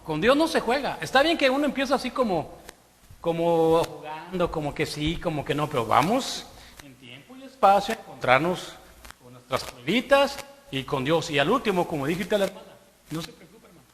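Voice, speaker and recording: A man's voice: high-pitched, a bit bright, a little hiss or hum. A man preaching a sermon, emphatic and conversational, acting out quoted voices. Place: church hall. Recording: long hall reverb.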